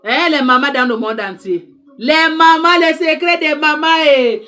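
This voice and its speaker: Soft music plays behind a woman whose high voice sounds pushed and bright, moving at a measured pace. Not a native French speaker, she talks in French straight to camera as an advice counselor, passionately and repetitively urging her audience.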